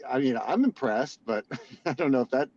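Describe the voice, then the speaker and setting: A man's voice: medium pitch, animated, moderate pace, darkish tone, dull audio. Laughing man talking from his car. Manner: laughs easily, hesitant fillers. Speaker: podcast co-host. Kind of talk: casual podcast chat. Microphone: phone. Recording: phone in a car, faint noise.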